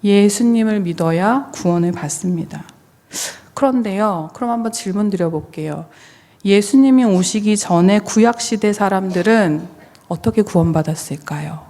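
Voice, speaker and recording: Still recovering, this woman pastor's voice is somewhat strained and confined to a low register, though it keeps a warm tone at medium pitch and a moderate pace. She preaches in a church sanctuary, explaining and asking listeners questions directly, and the hall reverb rings long.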